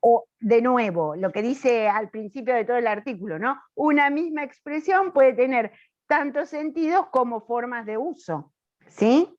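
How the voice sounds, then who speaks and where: Lady teaching online, slow, keeps checking if we get it, muffled call audio. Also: on the high side, lively intonation, darkish tone. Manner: slow, questioning, checks understanding often. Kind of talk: online class lecture. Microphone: video call. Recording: dull lo-fi video call audio.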